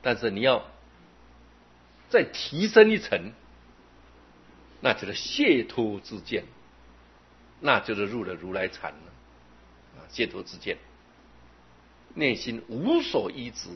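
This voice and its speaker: Husky male Buddhist preacher. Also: lowish voice. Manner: storytelling, with frequent filler particles. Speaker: Buddhist teacher. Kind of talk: Buddhist sermon. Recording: dull lo-fi recording.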